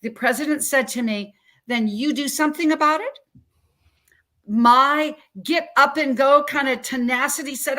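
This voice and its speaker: A woman in her sixties, a health coach telling her story as an interview guest in an animated, emphatic way. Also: on the high side. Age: 60s. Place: Central Florida.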